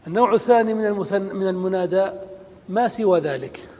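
A man teaching a grammar lesson, slow and deliberate, repeating each rule and giving spoken examples. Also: mellow. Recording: long hall reverb with faint rumble.

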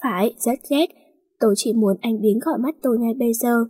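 Woman doing angry young woman, bitter, sharp refusals, husky, mellow. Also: fairly high pitch, brisk. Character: furious heartbroken young woman, stubborn.

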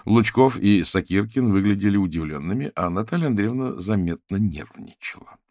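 A man narrating an audiobook in an even, steady storytelling manner. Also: lowish voice, moderate pace, no echo, clean studio sound. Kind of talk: scripted narration.

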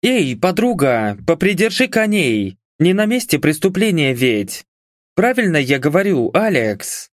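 A man's voice: a little high, sing-song, a little slow, no room sound, clean studio sound, pitched above the performer's own voice. A man voicing a carefree, teasing young woman radio host in an audiobook. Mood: breezy. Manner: breezy, teasing, unbothered.

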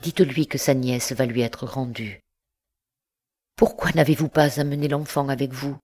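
A woman's voice: rumbling low, fairly even intonation, moderate pace, a little mellow, husky. A woman reading an audiobook, voicing an anguished, upright young man who pleads earnestly. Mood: urgent.

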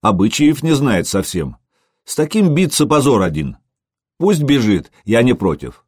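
A man's voice: medium pitch, sing-song, unhurried, a little mellow, husky, no room sound, clean studio sound. A man voicing a cocky young Varangian warrior who jeers and mocks. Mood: mocking. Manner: jeering.

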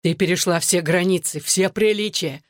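A reader voicing an adult man, an enraged husband shouting through gritted teeth in an audiobook. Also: medium pitch, normal speed, no room sound, studio quality, natural voice. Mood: raging. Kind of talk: audiobook narration.

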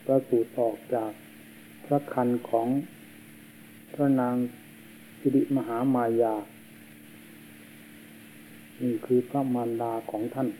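A man, a monk, giving a slow and solemn sermon, heard on an old worn tape. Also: medium pitch, fairly even intonation, mellow, a little hiss or hum, rough recording. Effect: old worn tape recording.

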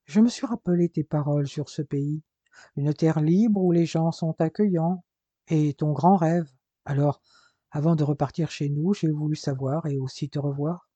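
A narrator doing a calm returning traveller. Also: mid-range voice, moderate pace, no room sound, natural voice. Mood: fond. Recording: dull lo-fi dry recording.

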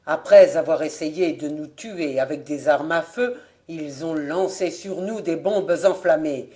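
A proud middle-aged French aviator protests his arrest, voiced by an audiobook reader. His voice sits a little lower and louder than the narration, firm and declaiming. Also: unhurried, natural voice. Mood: explaining. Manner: forceful, declaiming.

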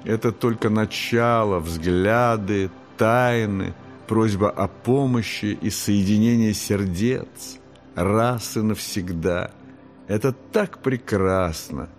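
A calm, wise old grandmother from a storybook, voiced by a man, speaking slowly and tenderly in a low, soft voice. Quiet music plays behind her. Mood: dreamy.

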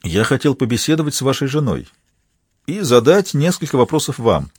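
A man reading an audiobook, voicing a broad-shouldered detective of about forty who speaks calmly and politely. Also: medium pitch, breathy edge, no room sound, studio quality. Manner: calm, polite, measured.

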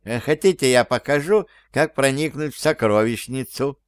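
A man voicing a skittish old male house spirit with a shrill, whiny squeal. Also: moderate pace, smooth, no room sound, clean studio sound, lightly acted. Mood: squealing, scared.

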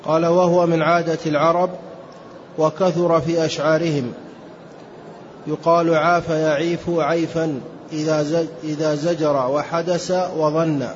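A student reading a classical text aloud in a steady recitation. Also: male voice, on the high side, a little slow. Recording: dull lo-fi recording with faint hiss.

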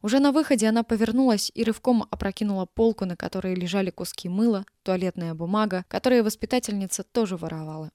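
A woman narrates an audiobook in an even, measured manner. Her voice sits at a middle pitch. The recording is dry and close. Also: no room sound. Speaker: audiobook reader.

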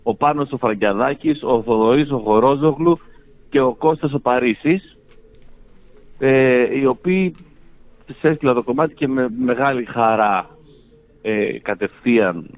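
A man's voice: mid-range voice, pauses often, dry recording. A man calling in by phone, chatting casually with dry, mock self-important humor. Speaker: phone-in guest, radio station director. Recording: tinny phone line.

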